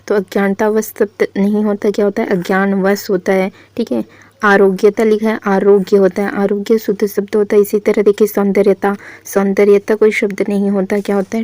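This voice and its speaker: A woman's voice: mid-range voice, warm tone, no echo. A woman teaching an exam-prep spelling lesson, patiently asking and answering her own questions as she corrects each word.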